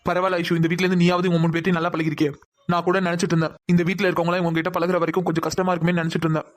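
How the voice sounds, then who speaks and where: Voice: mid-range voice, level tone, rapid-fire, close to an everyday voice. A voice actor playing a stern young man who runs the household and gives commanding orders in a cartoon dub. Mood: gentle. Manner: commanding, scolding.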